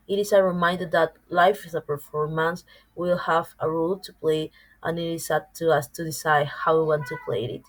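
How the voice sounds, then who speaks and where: A woman giving a class presentation, reading her part haltingly, with fillers and restarts. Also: lowish voice, rough recording. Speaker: student presenter.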